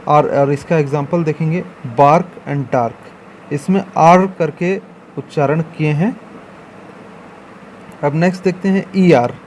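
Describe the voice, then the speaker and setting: A man with an Indian accent teaching English pronunciation in a classroom style, speaking slowly and repeating each sound and its examples. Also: a little high, a little mellow, slight background noise.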